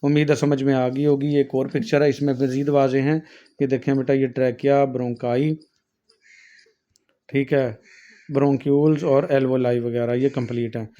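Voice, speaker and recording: In a dull-sounding recording, a man with a warm, mid-range voice teaches anatomy to a class. He is a nursing and health teacher who patiently explains diagrams, keeps addressing students as "beta," and frequently uses fillers and corrects himself.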